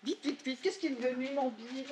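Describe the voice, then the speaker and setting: A woman acting an excitable young daughter in a stage comedy, theatrical and gushing. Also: high voice, a little fast, echoey room, a little hiss or hum, close to an everyday voice. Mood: overwrought. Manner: theatrical, exclaiming, gushing on the phone. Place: theatre stage before an audience.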